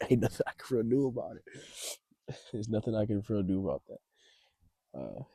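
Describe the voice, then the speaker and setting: A young adult vlogger speaks at normal speed in a fairly low, sing-song voice that's a little mellow and slightly rough, with no room sound. On a cold, windy, snowy beach he shivers, so his voice is shaky as he gives hesitant, reflective, rambling advice to camera.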